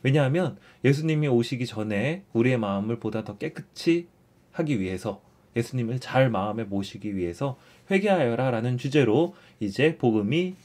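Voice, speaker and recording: A young man with a voice of mid pitch for a man talks at normal speed through a relaxed catechism lesson, conversational in tone. His explanations are warm, full of repeated phrases, and he often starts with "자," nudging listeners along with this "so."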